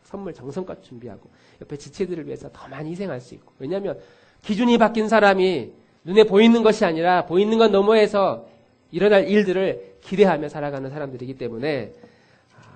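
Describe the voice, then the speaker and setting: Man, middle-aged, pastor, sermon, high voice, very expressive pitch, speaks to congregation, church. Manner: animated storytelling with acted quotes; addresses congregation directly. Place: church sanctuary.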